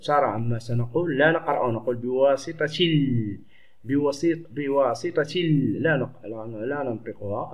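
A male teacher explaining a lesson to pupils, patient and explanatory, repeating words slowly. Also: mid-range voice. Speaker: Arabic teacher. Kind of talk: classroom lesson. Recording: dull lo-fi recording.

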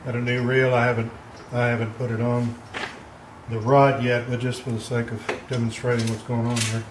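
A middle-aged Texan man casually walks through a homemade project in his garage workshop, rambling plainly with plenty of fillers as a DIY maker giving a how-to demo. His mid-range voice is flat and moves at normal speed. A distant camera mic picks him up over a noisy background.

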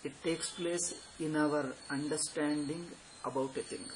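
A man's voice: a little high, fairly even intonation, measured pace. A man in his sixties with a South Indian accent, giving an informal spiritual lecture in a didactic, repetitive, questioning manner. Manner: didactic, repeats phrases and poses questions. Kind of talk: informal explanatory lecture on scripture with Sanskrit terms. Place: small plain room indoors. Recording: noisy amateur home recording.

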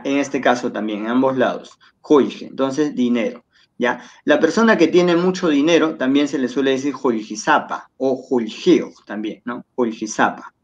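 A man teaches a language lesson on a web TV channel, speaking at a mid pitch. He explains patiently and says each word over and over so learners catch the sounds. The broadcast audio sounds somewhat dull and lo-fi. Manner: patient, explanatory, repeats words for pronunciation.

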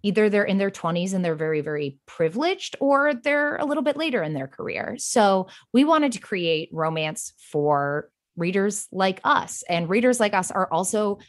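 A woman who co-created the show and writes romance novels chats casually as a podcast guest in an interview conversation. Her medium-pitched voice is expressive, at normal speed with hardly any pauses, and she illustrates her points by mimicking little quotes.

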